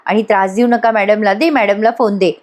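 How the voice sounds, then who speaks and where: A woman voicing a kind young pregnant wife who talks warmly and coaxingly. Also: medium pitch, fairly even intonation, fairly quick, close to an everyday voice. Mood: gentle.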